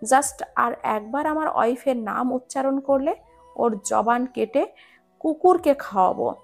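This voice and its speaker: A man's voice: very high-pitched, expressive, measured pace, vocal fry, faint music behind, exaggerated voice. A woman voicing a furious, possessive young husband in a romance story. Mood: threatening.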